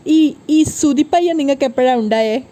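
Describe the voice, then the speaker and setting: A woman's voice: high-pitched, normal speed, warm tone, natural voice. A woman voicing an anxious young husband who keeps pleading with his father, in a TV serial recap. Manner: pleading, repeating himself.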